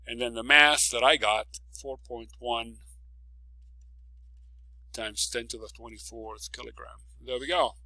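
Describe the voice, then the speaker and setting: A man's voice: mid-range voice, fairly even intonation, a little slow, long pauses, sharp tone, no room sound, rough recording. A man teaching a recorded physics lecture, working through a problem step by step, stressing key words and often checking in with "okay?". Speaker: physics professor.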